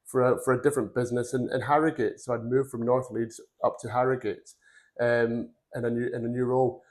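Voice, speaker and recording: A Glasgow-born man in his forties, founder of a recruitment firm, guests on a podcast and talks through his career in a casual interview. His medium-pitched voice stays level and moves fairly quickly as he tells rambling, earnest stories.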